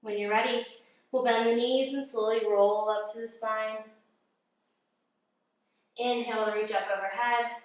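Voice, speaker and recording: A woman yoga instructor calmly guiding a workout, giving encouraging breath cues and sounding slightly out of breath. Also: fairly high pitch, a little slow, long pauses. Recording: very echoey room, mic at a distance.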